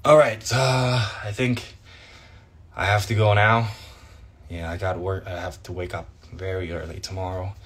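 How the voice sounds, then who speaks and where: A young man hosting a casual live stream on his phone, answering fans' questions in a relaxed, thoughtful way that trails off into fillers. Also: low-pitched, very slow, husky.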